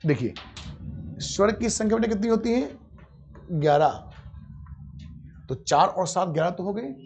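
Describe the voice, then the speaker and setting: A man's voice: sits high, lively intonation, unhurried, a little mellow. A man teaching grammar in a live online class, calling his students "beta" and answering his own questions. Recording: dull lo-fi audio.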